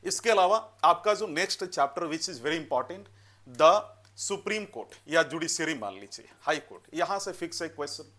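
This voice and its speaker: Teaching exam prep in a directive, stepwise way, this male lecturer speaks Hindi sprinkled with English terms and frequent "है ना" and "you know" tags. He sounds expressive and a bit bright, with a slightly high voice at normal speed.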